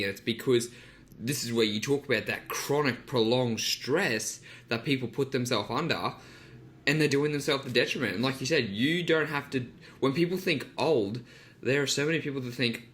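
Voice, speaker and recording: A man's voice: medium pitch, a bit bright. A man hosting a podcast, talking casually and rambling with many fillers as he riffs on his guest's point. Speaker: podcast host. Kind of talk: podcast interview.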